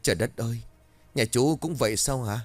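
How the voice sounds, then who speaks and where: A man voicing a foul-mouthed, gossipy old village woman who curses and wails loudly. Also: medium pitch, moderate pace, dry recording, voice pushed up, close to an everyday voice. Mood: lamenting. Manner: loud cursing and wailing.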